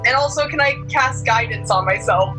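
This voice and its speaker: A woman's voice: on the high side, moderate pace, bright, forceful tone, soft background music, poor audio. Hesitant woman player in a tabletop game. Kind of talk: casual tabletop game play.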